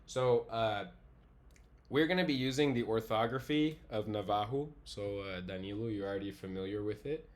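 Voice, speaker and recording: A man with a fairly low voice teaches a class over a video call. He talks casually and pauses to sound out words slowly for his students. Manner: casual, demonstrates pronunciation by repeating words slowly. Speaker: language teacher. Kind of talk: online class lecture.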